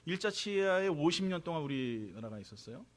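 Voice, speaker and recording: Speaking briskly with big pitch swings in a voice on the high side, this Korean pastor preaches in his church sanctuary. He keeps it conversational and jokey, putting questions to the congregation and getting them to respond.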